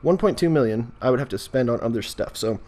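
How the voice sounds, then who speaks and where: Quick-paced and animated, a man with an American accent rambles through a casual vlog as its host, joking, meandering and interrupting himself often. His voice is medium in pitch and a little mellow.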